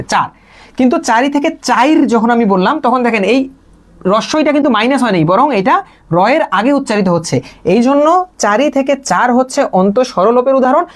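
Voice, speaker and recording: A young man teaching a live online grammar class, patiently repeating each example and asking quick check questions. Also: very high voice. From Bangladesh.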